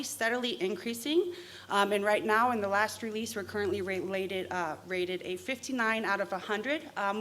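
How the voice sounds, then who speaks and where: A woman gives a business pitch from a stage in front of a screen. She talks steadily and fills pauses with frequent "um"s, and a faint noise sits under her voice. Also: a bit bright. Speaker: pitch presenter.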